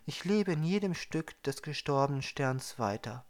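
A man voicing a calm, gentle female spirit who guards a star, speaking in a soft, measured way. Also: a little high, natural voice. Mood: serene.

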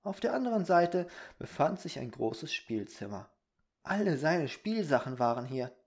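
A storyteller reading a children's bedtime story aloud in a calm, measured manner. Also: mid-range voice, husky.

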